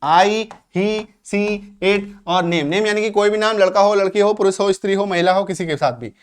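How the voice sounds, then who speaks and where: A man from India teaching English grammar, explaining step by step, slowing down for example sentences and often checking that students follow. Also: sits high, clean tone. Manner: slows right down when reading out English examples. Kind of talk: grammar lesson.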